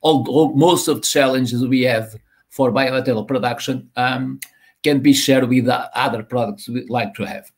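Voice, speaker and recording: A Portuguese man in his sixties, a university professor appearing as a guest lecturer, gives an online lecture with slides over a video call from a home or office room. He speaks haltingly in a Portuguese accent, repeating words and using many fillers, with a mid-range voice and fairly even intonation. The sound comes through a laptop or webcam mic.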